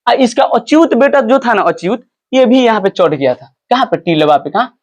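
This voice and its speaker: A man teaching a story lesson in an animated way, checking understanding with repeated questions and acting out the characters' cries. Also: extremely high pitch, moderate pace, lo-fi sound. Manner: acts out characters' cries in quoted lines.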